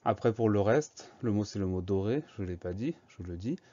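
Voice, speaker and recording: A man teaching a French spelling lesson, going through each word slowly and spelling it out letter by letter. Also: lowish voice, lively intonation, mellow, lo-fi sound. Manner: slow, methodical, spelling words letter by letter.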